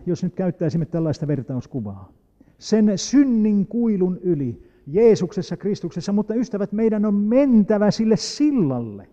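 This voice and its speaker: A man preaching a sermon, reading scripture slowly and rising into emphatic, loud appeals. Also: high-pitched. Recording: dull lo-fi recording with long hall reverb.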